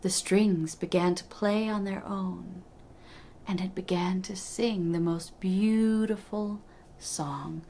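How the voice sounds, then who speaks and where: Slow expressive woman storyteller. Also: medium pitch, slight background noise. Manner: expressive, playful, hushed asides. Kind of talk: fairy tale storytelling.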